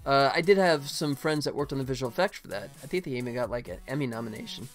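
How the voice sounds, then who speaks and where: An American man from Atlanta, a game developer, hosts a casual livestream and chats informally with viewers while working on his game. His medium-pitched voice is expressive and quick, with faint music in the background.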